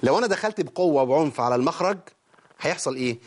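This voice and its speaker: A man's voice: on the high side, expressive, rapid-fire. A man with an Egyptian accent teaching Quran recitation rules. He often asks a question and answers it himself, and he demonstrates the sounds as he goes. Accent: Egyptian Arabic. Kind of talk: lecture on recitation.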